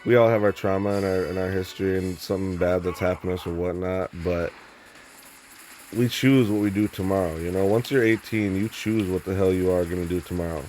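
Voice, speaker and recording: A man's voice: low voice, steady tone, a little fast, darkish tone, soft background music. A young man telling a story in a rambling, blunt and profane monologue, full of restarts and fillers. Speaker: vlogger.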